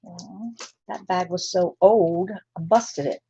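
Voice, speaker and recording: Slow, chatty woman hosting a live sale. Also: lowish voice, dark tone, husky, muffled recording. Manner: chatty, drifts into personal stories between items. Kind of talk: casual live-stream selling chat.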